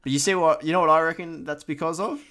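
An Australian man co-hosting a podcast with loud, matey lad banter, giving jokey betting tips in an emphatic, mock-dramatic sales pitch. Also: quick pace. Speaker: podcast co-host presenting a betting tips segment.

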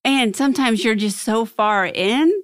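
A woman's voice: on the high side, unhurried. A woman in casual personal conversation, talking in a candid, self-examining way.

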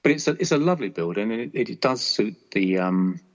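A man's voice: fairly low pitch, expressive, fairly quick. A man talking casually as an interview guest, hesitant and often searching for words. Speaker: show guest. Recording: dull lo-fi audio.

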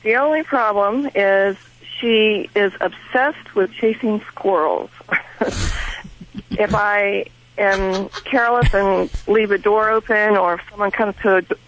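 Female caller, American accent, bright edgy tone, casual and halting, muffled telephone sound. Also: medium pitch, slight background noise. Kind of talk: casual phone conversation. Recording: dull telephone line, dry.

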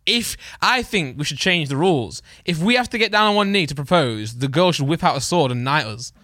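A man's voice: fairly high pitch, lively intonation, fairly quick, bright, forceful tone, no room sound, clean studio sound. A young man co-hosting a podcast who banters and jokes and often restarts his sentences. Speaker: podcast co-host. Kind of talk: casual chat.

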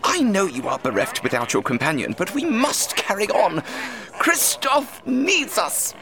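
A man's voice: high voice, big pitch swings, unhurried, gravelly, a crowd in the background, exaggerated voice. A man voicing a pompous, sly schemer with a flowery, theatrical way of talking in an audio drama. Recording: studio audio drama with music.

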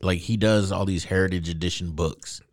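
A man's voice: low voice, steady tone, normal speed, no echo, clean studio sound. A man co-hosting a comics podcast in casual chat, easygoing and explaining details at length. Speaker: podcast co-host.

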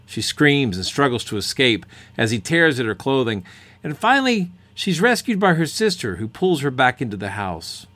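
A man's voice: medium pitch, very animated, normal speed, fairly bright tone, no echo. A man hosting a science podcast, narrating from a script like a curious storyteller.

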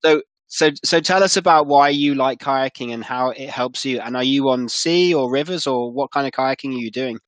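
A man hosting a conversational interview, halting and repeating words as he thinks. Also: mid-range voice, no echo.

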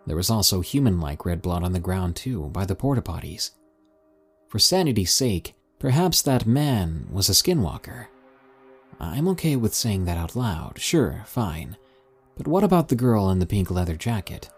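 A man's voice: low voice, big pitch swings, moderate pace, faint music behind. A man hosting and reading scripted material in the manner of a storyteller. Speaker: host and narrator of listener-submitted scary stories.

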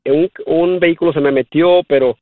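A man calling a show, chatting informally and haltingly with some English mixed in, over a band-limited call. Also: on the high side, fairly even intonation, no room sound, phone-quality sound. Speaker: caller, truck driver. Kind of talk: casual call-in chat.

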